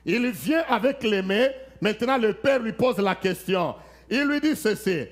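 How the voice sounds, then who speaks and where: A man's voice: high-pitched, lively intonation, measured pace. A man preaching a sermon at a church service. He preaches emphatically, with rhetorical questions and frequent amens, and shifts his voice to act out Bible scenes. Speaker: pastor.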